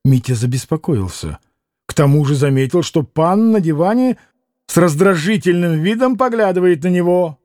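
A man reading a novel aloud in measured scripted narration, close to the mic. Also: on the high side, expressive, a little mellow, no echo. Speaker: audiobook reader.

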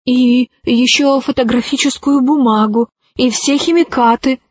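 A woman's voice: sits high, fairly even intonation, unhurried, dry recording. A woman reading the lines of an earnest, devoted male archaeologist in a storybook.

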